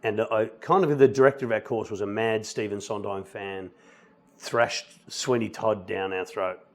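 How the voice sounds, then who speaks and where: A middle-aged man, a musical theatre actor, chatting in an interview and telling anecdotes with lively acted-out quotes. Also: on the low side, normal speed. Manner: animated storyteller, acts out quoted lines.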